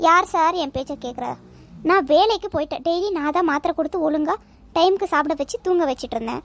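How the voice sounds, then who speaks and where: A woman's voice: extremely high pitch, quick pace. A woman voicing a grown son in a cartoon who lectures his mother about her health. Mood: lecturing. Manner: lecturing, nagging. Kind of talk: cartoon voice acting.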